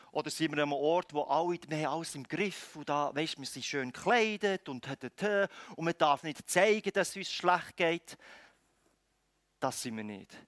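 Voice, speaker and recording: A man with a Swiss German accent preaching a sermon, swinging between loud calls and quiet, close lines. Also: fairly high pitch, no room sound. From Switzerland.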